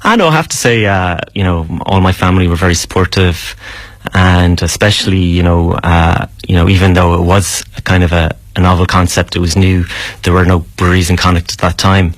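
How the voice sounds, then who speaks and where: Low voiced of bloke being interviewed, explains stuff, hesitant, dry close sound. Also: male voice, steady tone, a little fast, hardly any pauses, dry recording. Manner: hesitant, explanatory, many repeated words. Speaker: brewer, interview guest. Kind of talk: casual interview answers.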